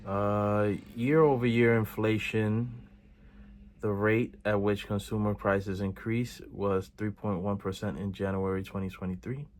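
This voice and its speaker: A man hosting his own channel, giving measured commentary and reading out statistics with frequent filler pauses. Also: fairly low pitch, a little mellow. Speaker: video host.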